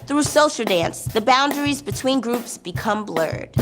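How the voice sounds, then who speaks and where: A woman narrating a documentary with a measured, rhythmic delivery. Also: fairly high pitch, lively intonation, music in the background.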